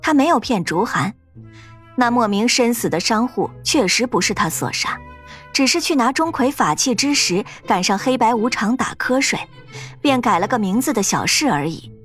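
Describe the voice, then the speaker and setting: A woman narrating a fantasy ghost story in an expressive, dramatic storytelling manner. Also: a little high, moderate pace, faint music behind.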